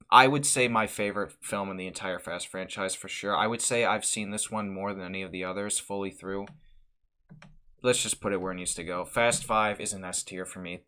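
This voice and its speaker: A man's voice: lowish voice, pushed and bright. A man hosting a casual vlog where he ranks movies, talking in a rambling way with frequent restarts and repeated words while giving candid opinions. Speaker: channel host.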